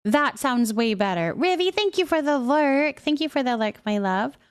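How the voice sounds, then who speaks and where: A clean-toned, high female voice with lively intonation and a moderate pace. She's hosting an informal live stream, answering messages from viewers in a tender, comforting manner and calling them sweet names.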